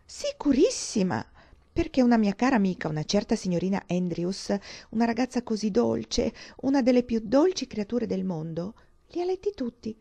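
A woman voicing a flattering, effusive young woman in a dramatized audiobook reading, talking in a confiding, theatrical way. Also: on the high side, normal speed, creaky, exaggerated voice. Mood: gushing, confiding.

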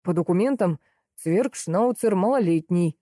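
A man's voice: high-pitched, animated, measured pace, dark tone, dry recording, clean studio sound. A woman voicing a stern young male customs officer who talks curtly and officiously in an audiobook. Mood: stiff. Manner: curt, officious, then rude.

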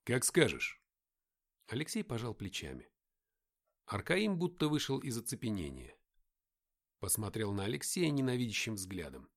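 A man reading a first-person audiobook in an expressive storytelling manner. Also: lowish voice, moderate pace, pauses often. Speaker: audiobook narrator.

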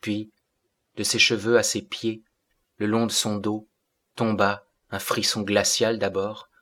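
A man narrating a classic novel as an audiobook in a measured way. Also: lowish voice, bright, forceful tone, husky.

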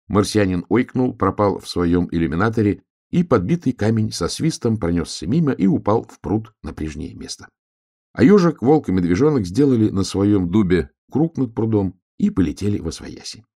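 Deep, gravelly male storyteller, animated reading of a children's tale. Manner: expressive, lively storytelling. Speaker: narrator.

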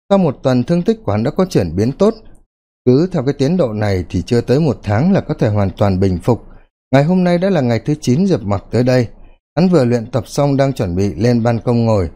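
A man narrating a novel as an audiobook with an expressive, lively delivery. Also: medium pitch. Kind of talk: audiobook storytelling.

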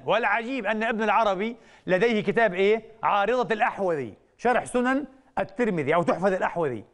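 Brief: middle-aged male scholar lecturing, quick and emphatic, keeps quizzing his listeners. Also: sits high. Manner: rhetorical questions to the audience, teacherly, emphatic. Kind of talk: religious lecture.

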